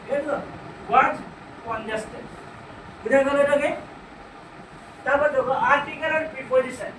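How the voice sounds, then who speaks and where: A man with a Bengali accent teaching an English grammar lesson. He asks the class questions, answers them himself, and reads English sentences out slowly. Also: very high-pitched, pushed and bright. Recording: echoey room, far from mic, noisy.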